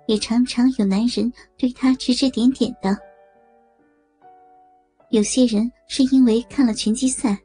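A woman narrating an erotic audio story in a steady, even storytelling delivery. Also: fairly high pitch, husky, no room sound.

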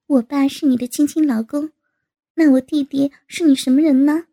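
A woman's voice: sits high, a little slow, vocal fry, dark tone. A woman voicing a bashful young adult daughter who scolds and teases with a laugh. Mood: teasing.

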